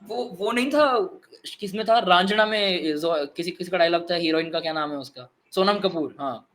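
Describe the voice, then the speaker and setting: A young man telling movie stories in an animated, excitable way in casual chat, mixing in English phrases. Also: high voice, normal speed. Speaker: guest.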